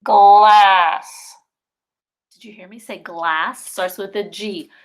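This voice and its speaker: A woman preschool teacher leading a virtual circle time for young children, talking slowly and drawing out words in a sing-song way. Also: mid-range voice, bright, forceful tone.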